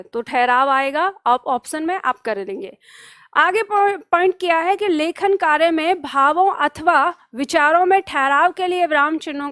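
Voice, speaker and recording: A woman teacher giving an exam-prep grammar lesson, dictating notes slowly and asking and answering her own questions. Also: high voice, a bit bright, no echo, studio quality.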